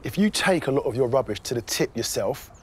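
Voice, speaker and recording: A man's voice: mid-range voice, expressive, fairly quick, background noise. A man with a British accent co-hosting a home renovation show, giving advice and presenting tips. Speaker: property show co-host.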